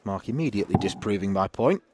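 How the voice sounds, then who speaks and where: A man's voice: on the low side, lively intonation, fast talker, a little mellow, slight background noise. A man giving live darts commentary in a conversational way, with wry observations.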